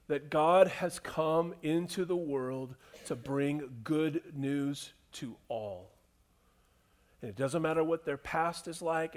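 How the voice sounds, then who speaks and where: A man with a high, light voice preaches a sermon as a pastor. He drops from ringing emphasis to near-hushed quiet, repeating phrases and putting questions to his listeners.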